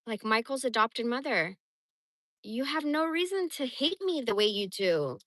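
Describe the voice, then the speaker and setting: A woman's voice: fairly high pitch, big pitch swings, a little slow, fairly bright tone, dry recording. A woman from the Bay Area telling rambling personal stories on a casual livestream, blunt and profane. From San Francisco Bay Area. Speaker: livestream host.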